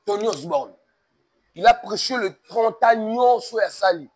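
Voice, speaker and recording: Unhurried and high-voiced, this Congolese man answers in an interview as though preaching, with emphatic, sermon-style rhythm. He has a Congolese French accent and switches between French and Lingala.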